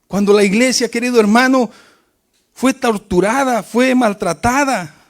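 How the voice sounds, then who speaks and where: A man's voice: very high voice, a little slow. A man preaching a sermon to his congregation, rising and falling for emphasis and often calling out to his listeners as brothers.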